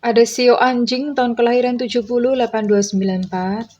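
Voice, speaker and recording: A woman giving a casual tarot reading to her viewers in a gentle, reassuring way, calling them dear and slipping in English phrases. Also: a little high, little pitch movement, brisk, highs cut off. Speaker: tarot reader.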